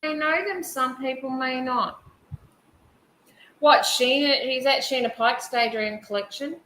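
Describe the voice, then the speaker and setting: A woman with a high, bright and sharp voice teases in dry casual chat. She sounds roomy and echoey, with a faint hum of noise behind her. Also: fairly even intonation, a little slow.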